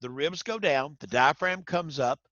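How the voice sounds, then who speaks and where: Bright-voiced man teaching class. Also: a little high, normal speed, no echo, lo-fi sound. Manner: folksy, quizzes students by name. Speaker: instructor.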